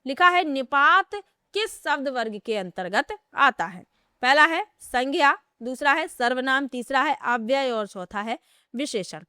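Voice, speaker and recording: A woman teacher with a high, bright voice takes her students through a grammar lesson for an exam. She explains each point step by step and keeps asking rhetorical questions, which she then answers herself. The recording is dry and close, with no room echo. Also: animated, unhurried, clean tone.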